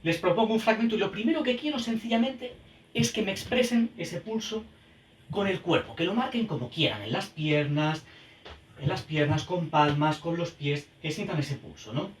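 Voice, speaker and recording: A man's voice: sits high, normal speed, slight background noise. A man teaching music educators in an online session, thinking aloud with many tag questions and repeated words, and chanting rhythm syllables to show the beat. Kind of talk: online teacher-training talk. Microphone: video call.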